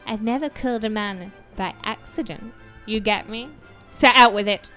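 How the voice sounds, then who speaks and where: A woman's voice: medium pitch, normal speed, bright, forceful tone, faint music behind, close to an everyday voice. A woman playing a vain elderly actress who talks grandly and makes mock threats. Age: older. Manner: grand, theatrical, mock-menacing. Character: vain elderly female actress, theatrical and boastful.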